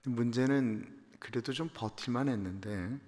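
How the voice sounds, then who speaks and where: A Korean-born man in his fifties, a pastor giving a personal testimony sermon at a dawn service, moving from quiet confession to loud emphatic proclamation. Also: mid-range voice, unhurried. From South Korea. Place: church sanctuary. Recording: long church-hall reverb.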